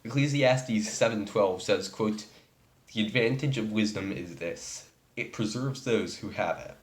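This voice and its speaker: A man delivering a prepared speech in a measured, declamatory way. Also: on the low side. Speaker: speech giver.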